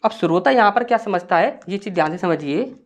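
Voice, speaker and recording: A man's voice: high-pitched, animated, a little fast. A male teacher giving a grammar lesson in a patient, step-by-step classroom manner. He keeps posing rhetorical questions to his students and then answers them himself.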